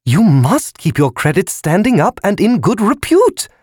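A man voicing a nagging, scolding creditor balloon in a high squealing pitch. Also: sing-song, a little slow, a little mellow, husky, no room sound, clean studio sound, exaggerated voice. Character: shrill nagging creditor balloon, genderless thing.

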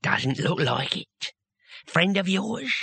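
Man doing a squelchy old barbarian, gruff, menacing, odd timbre, crisp and bright. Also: high-pitched, very animated, slow pace, no room sound, voice pushed up, full character voice. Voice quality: damp, squelchy voice. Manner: blunt threatening whispers.

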